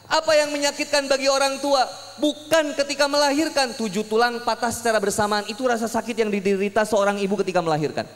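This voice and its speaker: Young preacher in a reverberant hall. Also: male voice, very high voice, quick pace. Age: young adult. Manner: lively, joking storytelling with voiced asides. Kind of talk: sermon. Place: public hall gathering.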